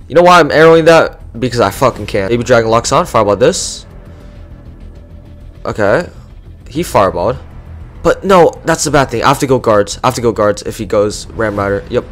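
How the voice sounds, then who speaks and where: A young man giving live gameplay commentary, excitable and swearing often, swinging from muttering to yelling. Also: mid-range voice, fairly quick, faint music behind. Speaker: gaming YouTuber.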